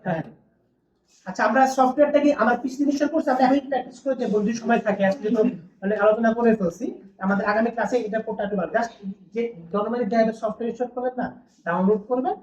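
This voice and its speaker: Speaking quickly in a fairly high, slightly mellow voice, a woman teaches a classroom lesson and often answers her own questions to the class. The audio is distant, dull, and roomy.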